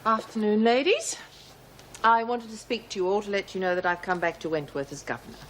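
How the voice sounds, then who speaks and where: Female actor, measured middle-aged governor, formal and composed. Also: medium pitch, slight background noise, natural voice, poor audio. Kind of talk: 1980s television drama acting.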